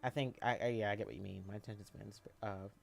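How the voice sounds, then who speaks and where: A young man in his twenties with a boyish-sounding voice chats on a live stream, fielding viewer questions haltingly, with many fillers and restarts. His voice is lowish, steady, and creaky.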